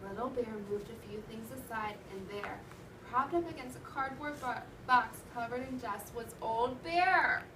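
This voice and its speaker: In no hurry, a woman teacher with a fairly high voice reads a storybook expressively to her elementary class, pausing to instruct and ask questions. A distant mic in the indoor classroom captures an echoey, noisy room.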